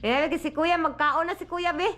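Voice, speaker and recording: This vlogging mother from the Philippines has an extremely high-pitched, somewhat bright voice, a Visayan accent and a moderate pace. Chatty and switching between languages, she talks casually inside the family home and coos to her baby.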